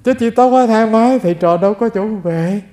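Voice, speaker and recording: Fairly quick and mellow, a monk's high voice fills an echoey room as he gives a Dharma talk. He speaks right to his listeners and tells stories along the way.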